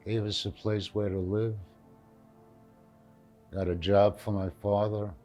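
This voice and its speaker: An old man with a Yiddish accent recalls his life at a slow pace in a lowish voice. He is plain-spoken, repeating short phrases and slipping Yiddish words into his answers. Faint music runs behind him. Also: little pitch movement, a little mellow. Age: elderly. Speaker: Holocaust survivor giving testimony. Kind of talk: reminiscing in an interview.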